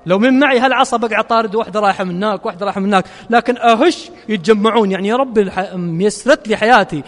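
Male Gulf Arabic preacher, fairly high voice; slow chanted verses, brisk conversational asides; long reverb of a big hall. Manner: chants verses slowly, then explains in quick casual asides. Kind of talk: sermon.

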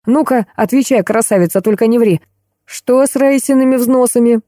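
A cantankerous old woman played by a female audiobook reader scolds and accuses in a grumpy, combative voice. The tone stays mellow and the recording is dry and close. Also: fairly high pitch, moderate pace, dry recording, voice pushed up, close to an everyday voice. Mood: scolding. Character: cantankerous, combative elderly woman, a retired court archive clerk. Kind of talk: audiobook character voice.

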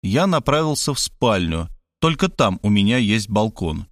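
A man reading a first-person audiobook with a wry, expressive delivery. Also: lowish voice, normal speed, no room sound, clean studio sound. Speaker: audiobook narrator.

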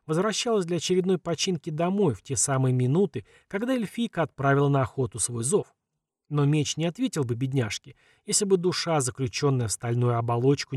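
A man narrating a fantasy audiobook in a calm, measured way, often letting phrase endings fall quiet. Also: mid-range voice, dry recording, clean studio sound.

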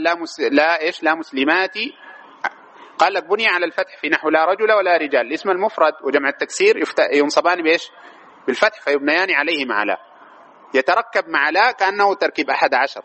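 A man's voice: sits high, pushed and bright, rough recording. A man teaching a grammar lesson, constantly quizzing his students with repeated questions.

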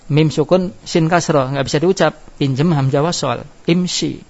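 A man teaches grammar at a moderate pace, his voice fairly high with a darkish tone. Explaining step by step, he quizzes the class and then answers his own questions. The audio is a dull, lo-fi classroom recording.

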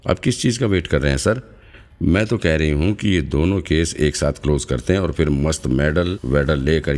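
A man's voice: a bass voice, a little mellow. A male narrator voicing a cheeky, impatient young woman trainee who teases her boss in an audiobook. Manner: teasing, impatient.

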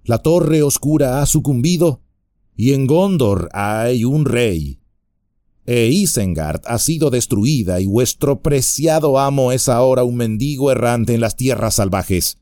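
A man voicing a calm, firm hobbit leader in an audiobook, measured and steady. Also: mid-range voice, no echo, studio quality, pitched above the performer's own voice, natural voice.

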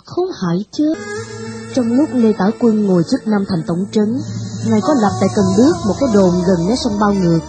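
A woman narrating a novel in an expressive storytelling style. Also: mid-range voice, a little fast, over music, poor audio.

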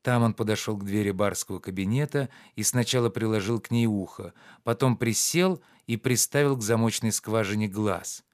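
A man narrating a classic novel as an audiobook, calm and even. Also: on the low side, moderate pace, hardly any pauses.

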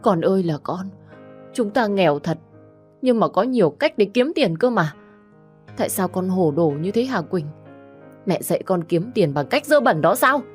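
A woman's voice: low-pitched, measured pace, pauses often, a little mellow, faint music behind. A woman voicing a distraught middle-aged mother who scolds and pleads with her daughter in an audio story. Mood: angry.

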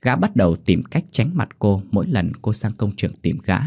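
Low husky male horror storyteller. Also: very animated, moderate pace, mellow. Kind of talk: scripted horror story narration.

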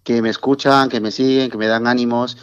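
A man's voice: medium pitch, flat delivery, a little fast, clean tone, no echo, muffled recording. A middle-aged man from Mexico, a festival organizer, chatting in an interview, joking and effusive with frequent tag questions. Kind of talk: casual interview chat.

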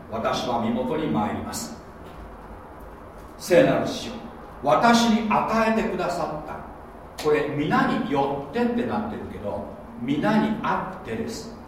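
A man preaching a sermon as pastor, animated and often checking that listeners follow along. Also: on the high side, measured pace, a little hiss or hum. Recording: echoey hall, voice from a distance.

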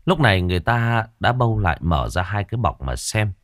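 Lively male storyteller. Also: lowish voice, brisk, dry recording, clean studio sound. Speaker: audiobook narrator. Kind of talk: storytelling narration.

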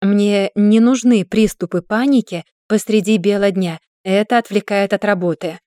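A woman's voice: medium pitch, steady tone, moderate pace, warm tone, no room sound, studio quality, lightly acted. A woman reading a storybook voices an irritable, bossy young man who scolds sharply and with exasperation. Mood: irritated.

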